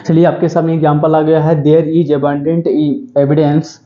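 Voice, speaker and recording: Warm and a little slow, this tutor's high-leaning voice shows little pitch movement as he drills English vocabulary for exam prep. He repeats each word, peppering it with "ठीक है" and self-posed questions, in an echoey, dull lo-fi room.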